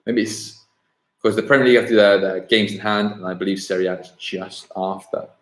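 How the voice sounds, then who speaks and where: A man's voice: lowish voice, steady tone, fairly quick, fairly bright tone. A man hosting a live online quiz, chatty and given to thinking aloud and correcting himself. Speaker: quiz host. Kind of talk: live-streamed pub-style quiz hosting. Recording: echoey room.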